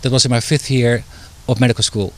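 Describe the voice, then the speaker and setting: A man's voice: mid-range voice, fairly even intonation, fairly quick, slight background noise. A middle-aged man from the Netherlands, speaking as an interview guest in a hesitant way, with many fillers and restarts. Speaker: guest, author and doctor.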